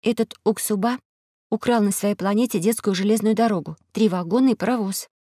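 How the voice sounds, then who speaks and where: A woman's voice: mid-range voice, brisk, warm tone, dry recording, studio quality, pitched above the performer's own voice, close to an everyday voice. A woman voicing a polite, earnest young girl who talks eagerly. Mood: earnest pleading.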